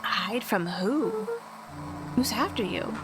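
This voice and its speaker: A woman's voice: mid-range voice, animated, slow pace, music in the background, poor audio. A woman voicing a kind, earnest boy in a game playthrough. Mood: worried.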